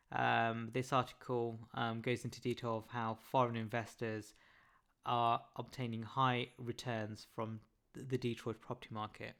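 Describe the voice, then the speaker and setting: A man presenting a webinar over slides, measured and often pausing with "um". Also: medium pitch, gravelly, a bit bright. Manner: measured, frequent "um" fillers.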